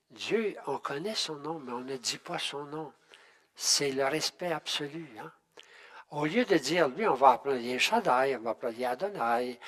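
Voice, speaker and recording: An older man teaching a Bible class in a halting, conversational way, often restarting and checking in with his listeners. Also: fairly high pitch. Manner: halting, with many restarts and tag questions. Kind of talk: unscripted Bible class talk.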